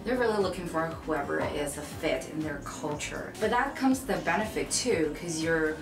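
A young adult woman from China, whose first language is Chinese, answers interview questions in English as a second language, frank and chatty. She's a UX designer seated at a table in a bright room, speaking expressively in a low-pitched voice at a moderate pace. The room is echoey, with music playing underneath.

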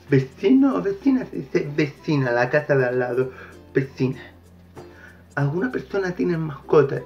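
A Chilean man teaching an online sign language class, calmly repeating each word as he shows its sign. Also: a little high, dull audio. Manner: calm, repeats each word slowly while demonstrating signs. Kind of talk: online lesson.

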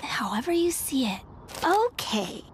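A woman voicing a sensitive, dreamy young girl artist in a cartoon, breathy and precious in her deliberate phrasing. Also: high voice, very animated, noisy background. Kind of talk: animated cartoon voice acting.

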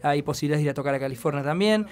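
A man's voice: fairly high pitch, racing. An Argentine-accented man talks as a guest in a casual radio interview, earnest and wordy, on a close studio mic. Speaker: guest musician. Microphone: close studio microphone. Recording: faint music behind.

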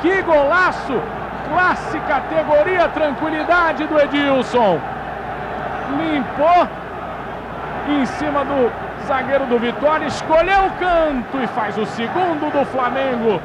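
A man with a Brazilian accent giving explosive live football goal commentary, stretching out shouts and repeating names. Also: extremely high pitch, slow pace. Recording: loud stadium crowd noise behind. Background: roaring football crowd.

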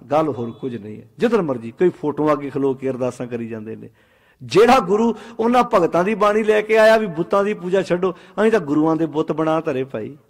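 A man preaching a Sikh sermon, swinging between loud exhortation and low quiet asides, and slowing to chant verses of scripture. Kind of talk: Punjabi sermon with sung scripture.

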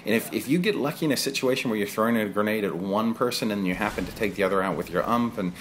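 A man in his thirties with a low, deep voice talks over his own gameplay footage in a loose, conversational way. He drifts from the action into chatty personal asides, recorded as a home voice-over. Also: quick pace, fairly bright tone, a little hiss or hum. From England. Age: 30s. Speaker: gaming video creator. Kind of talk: casual voice-over commentary on gameplay.

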